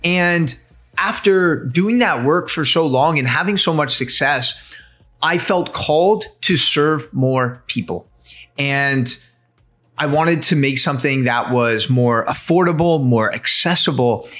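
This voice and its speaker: A man hosting a podcast, speaking in an energetic, motivational way as he introduces a guest and opens the interview. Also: fairly high pitch. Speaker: podcast host.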